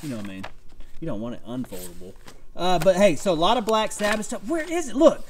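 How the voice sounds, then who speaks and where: Excitable Texan man showing off finds. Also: sits high, fast, a little hiss or hum. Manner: excitable, chatty, lots of "y'all" and "look". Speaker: storage unit reseller vlogger. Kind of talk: casual chat to camera. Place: home room, then cluttered garage indoors.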